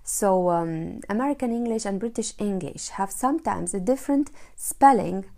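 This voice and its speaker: A woman's voice: medium pitch, lively intonation, a little slow, creaky, warm tone. A woman teaching an English lesson, repeating each point in two languages with many hesitant fillers.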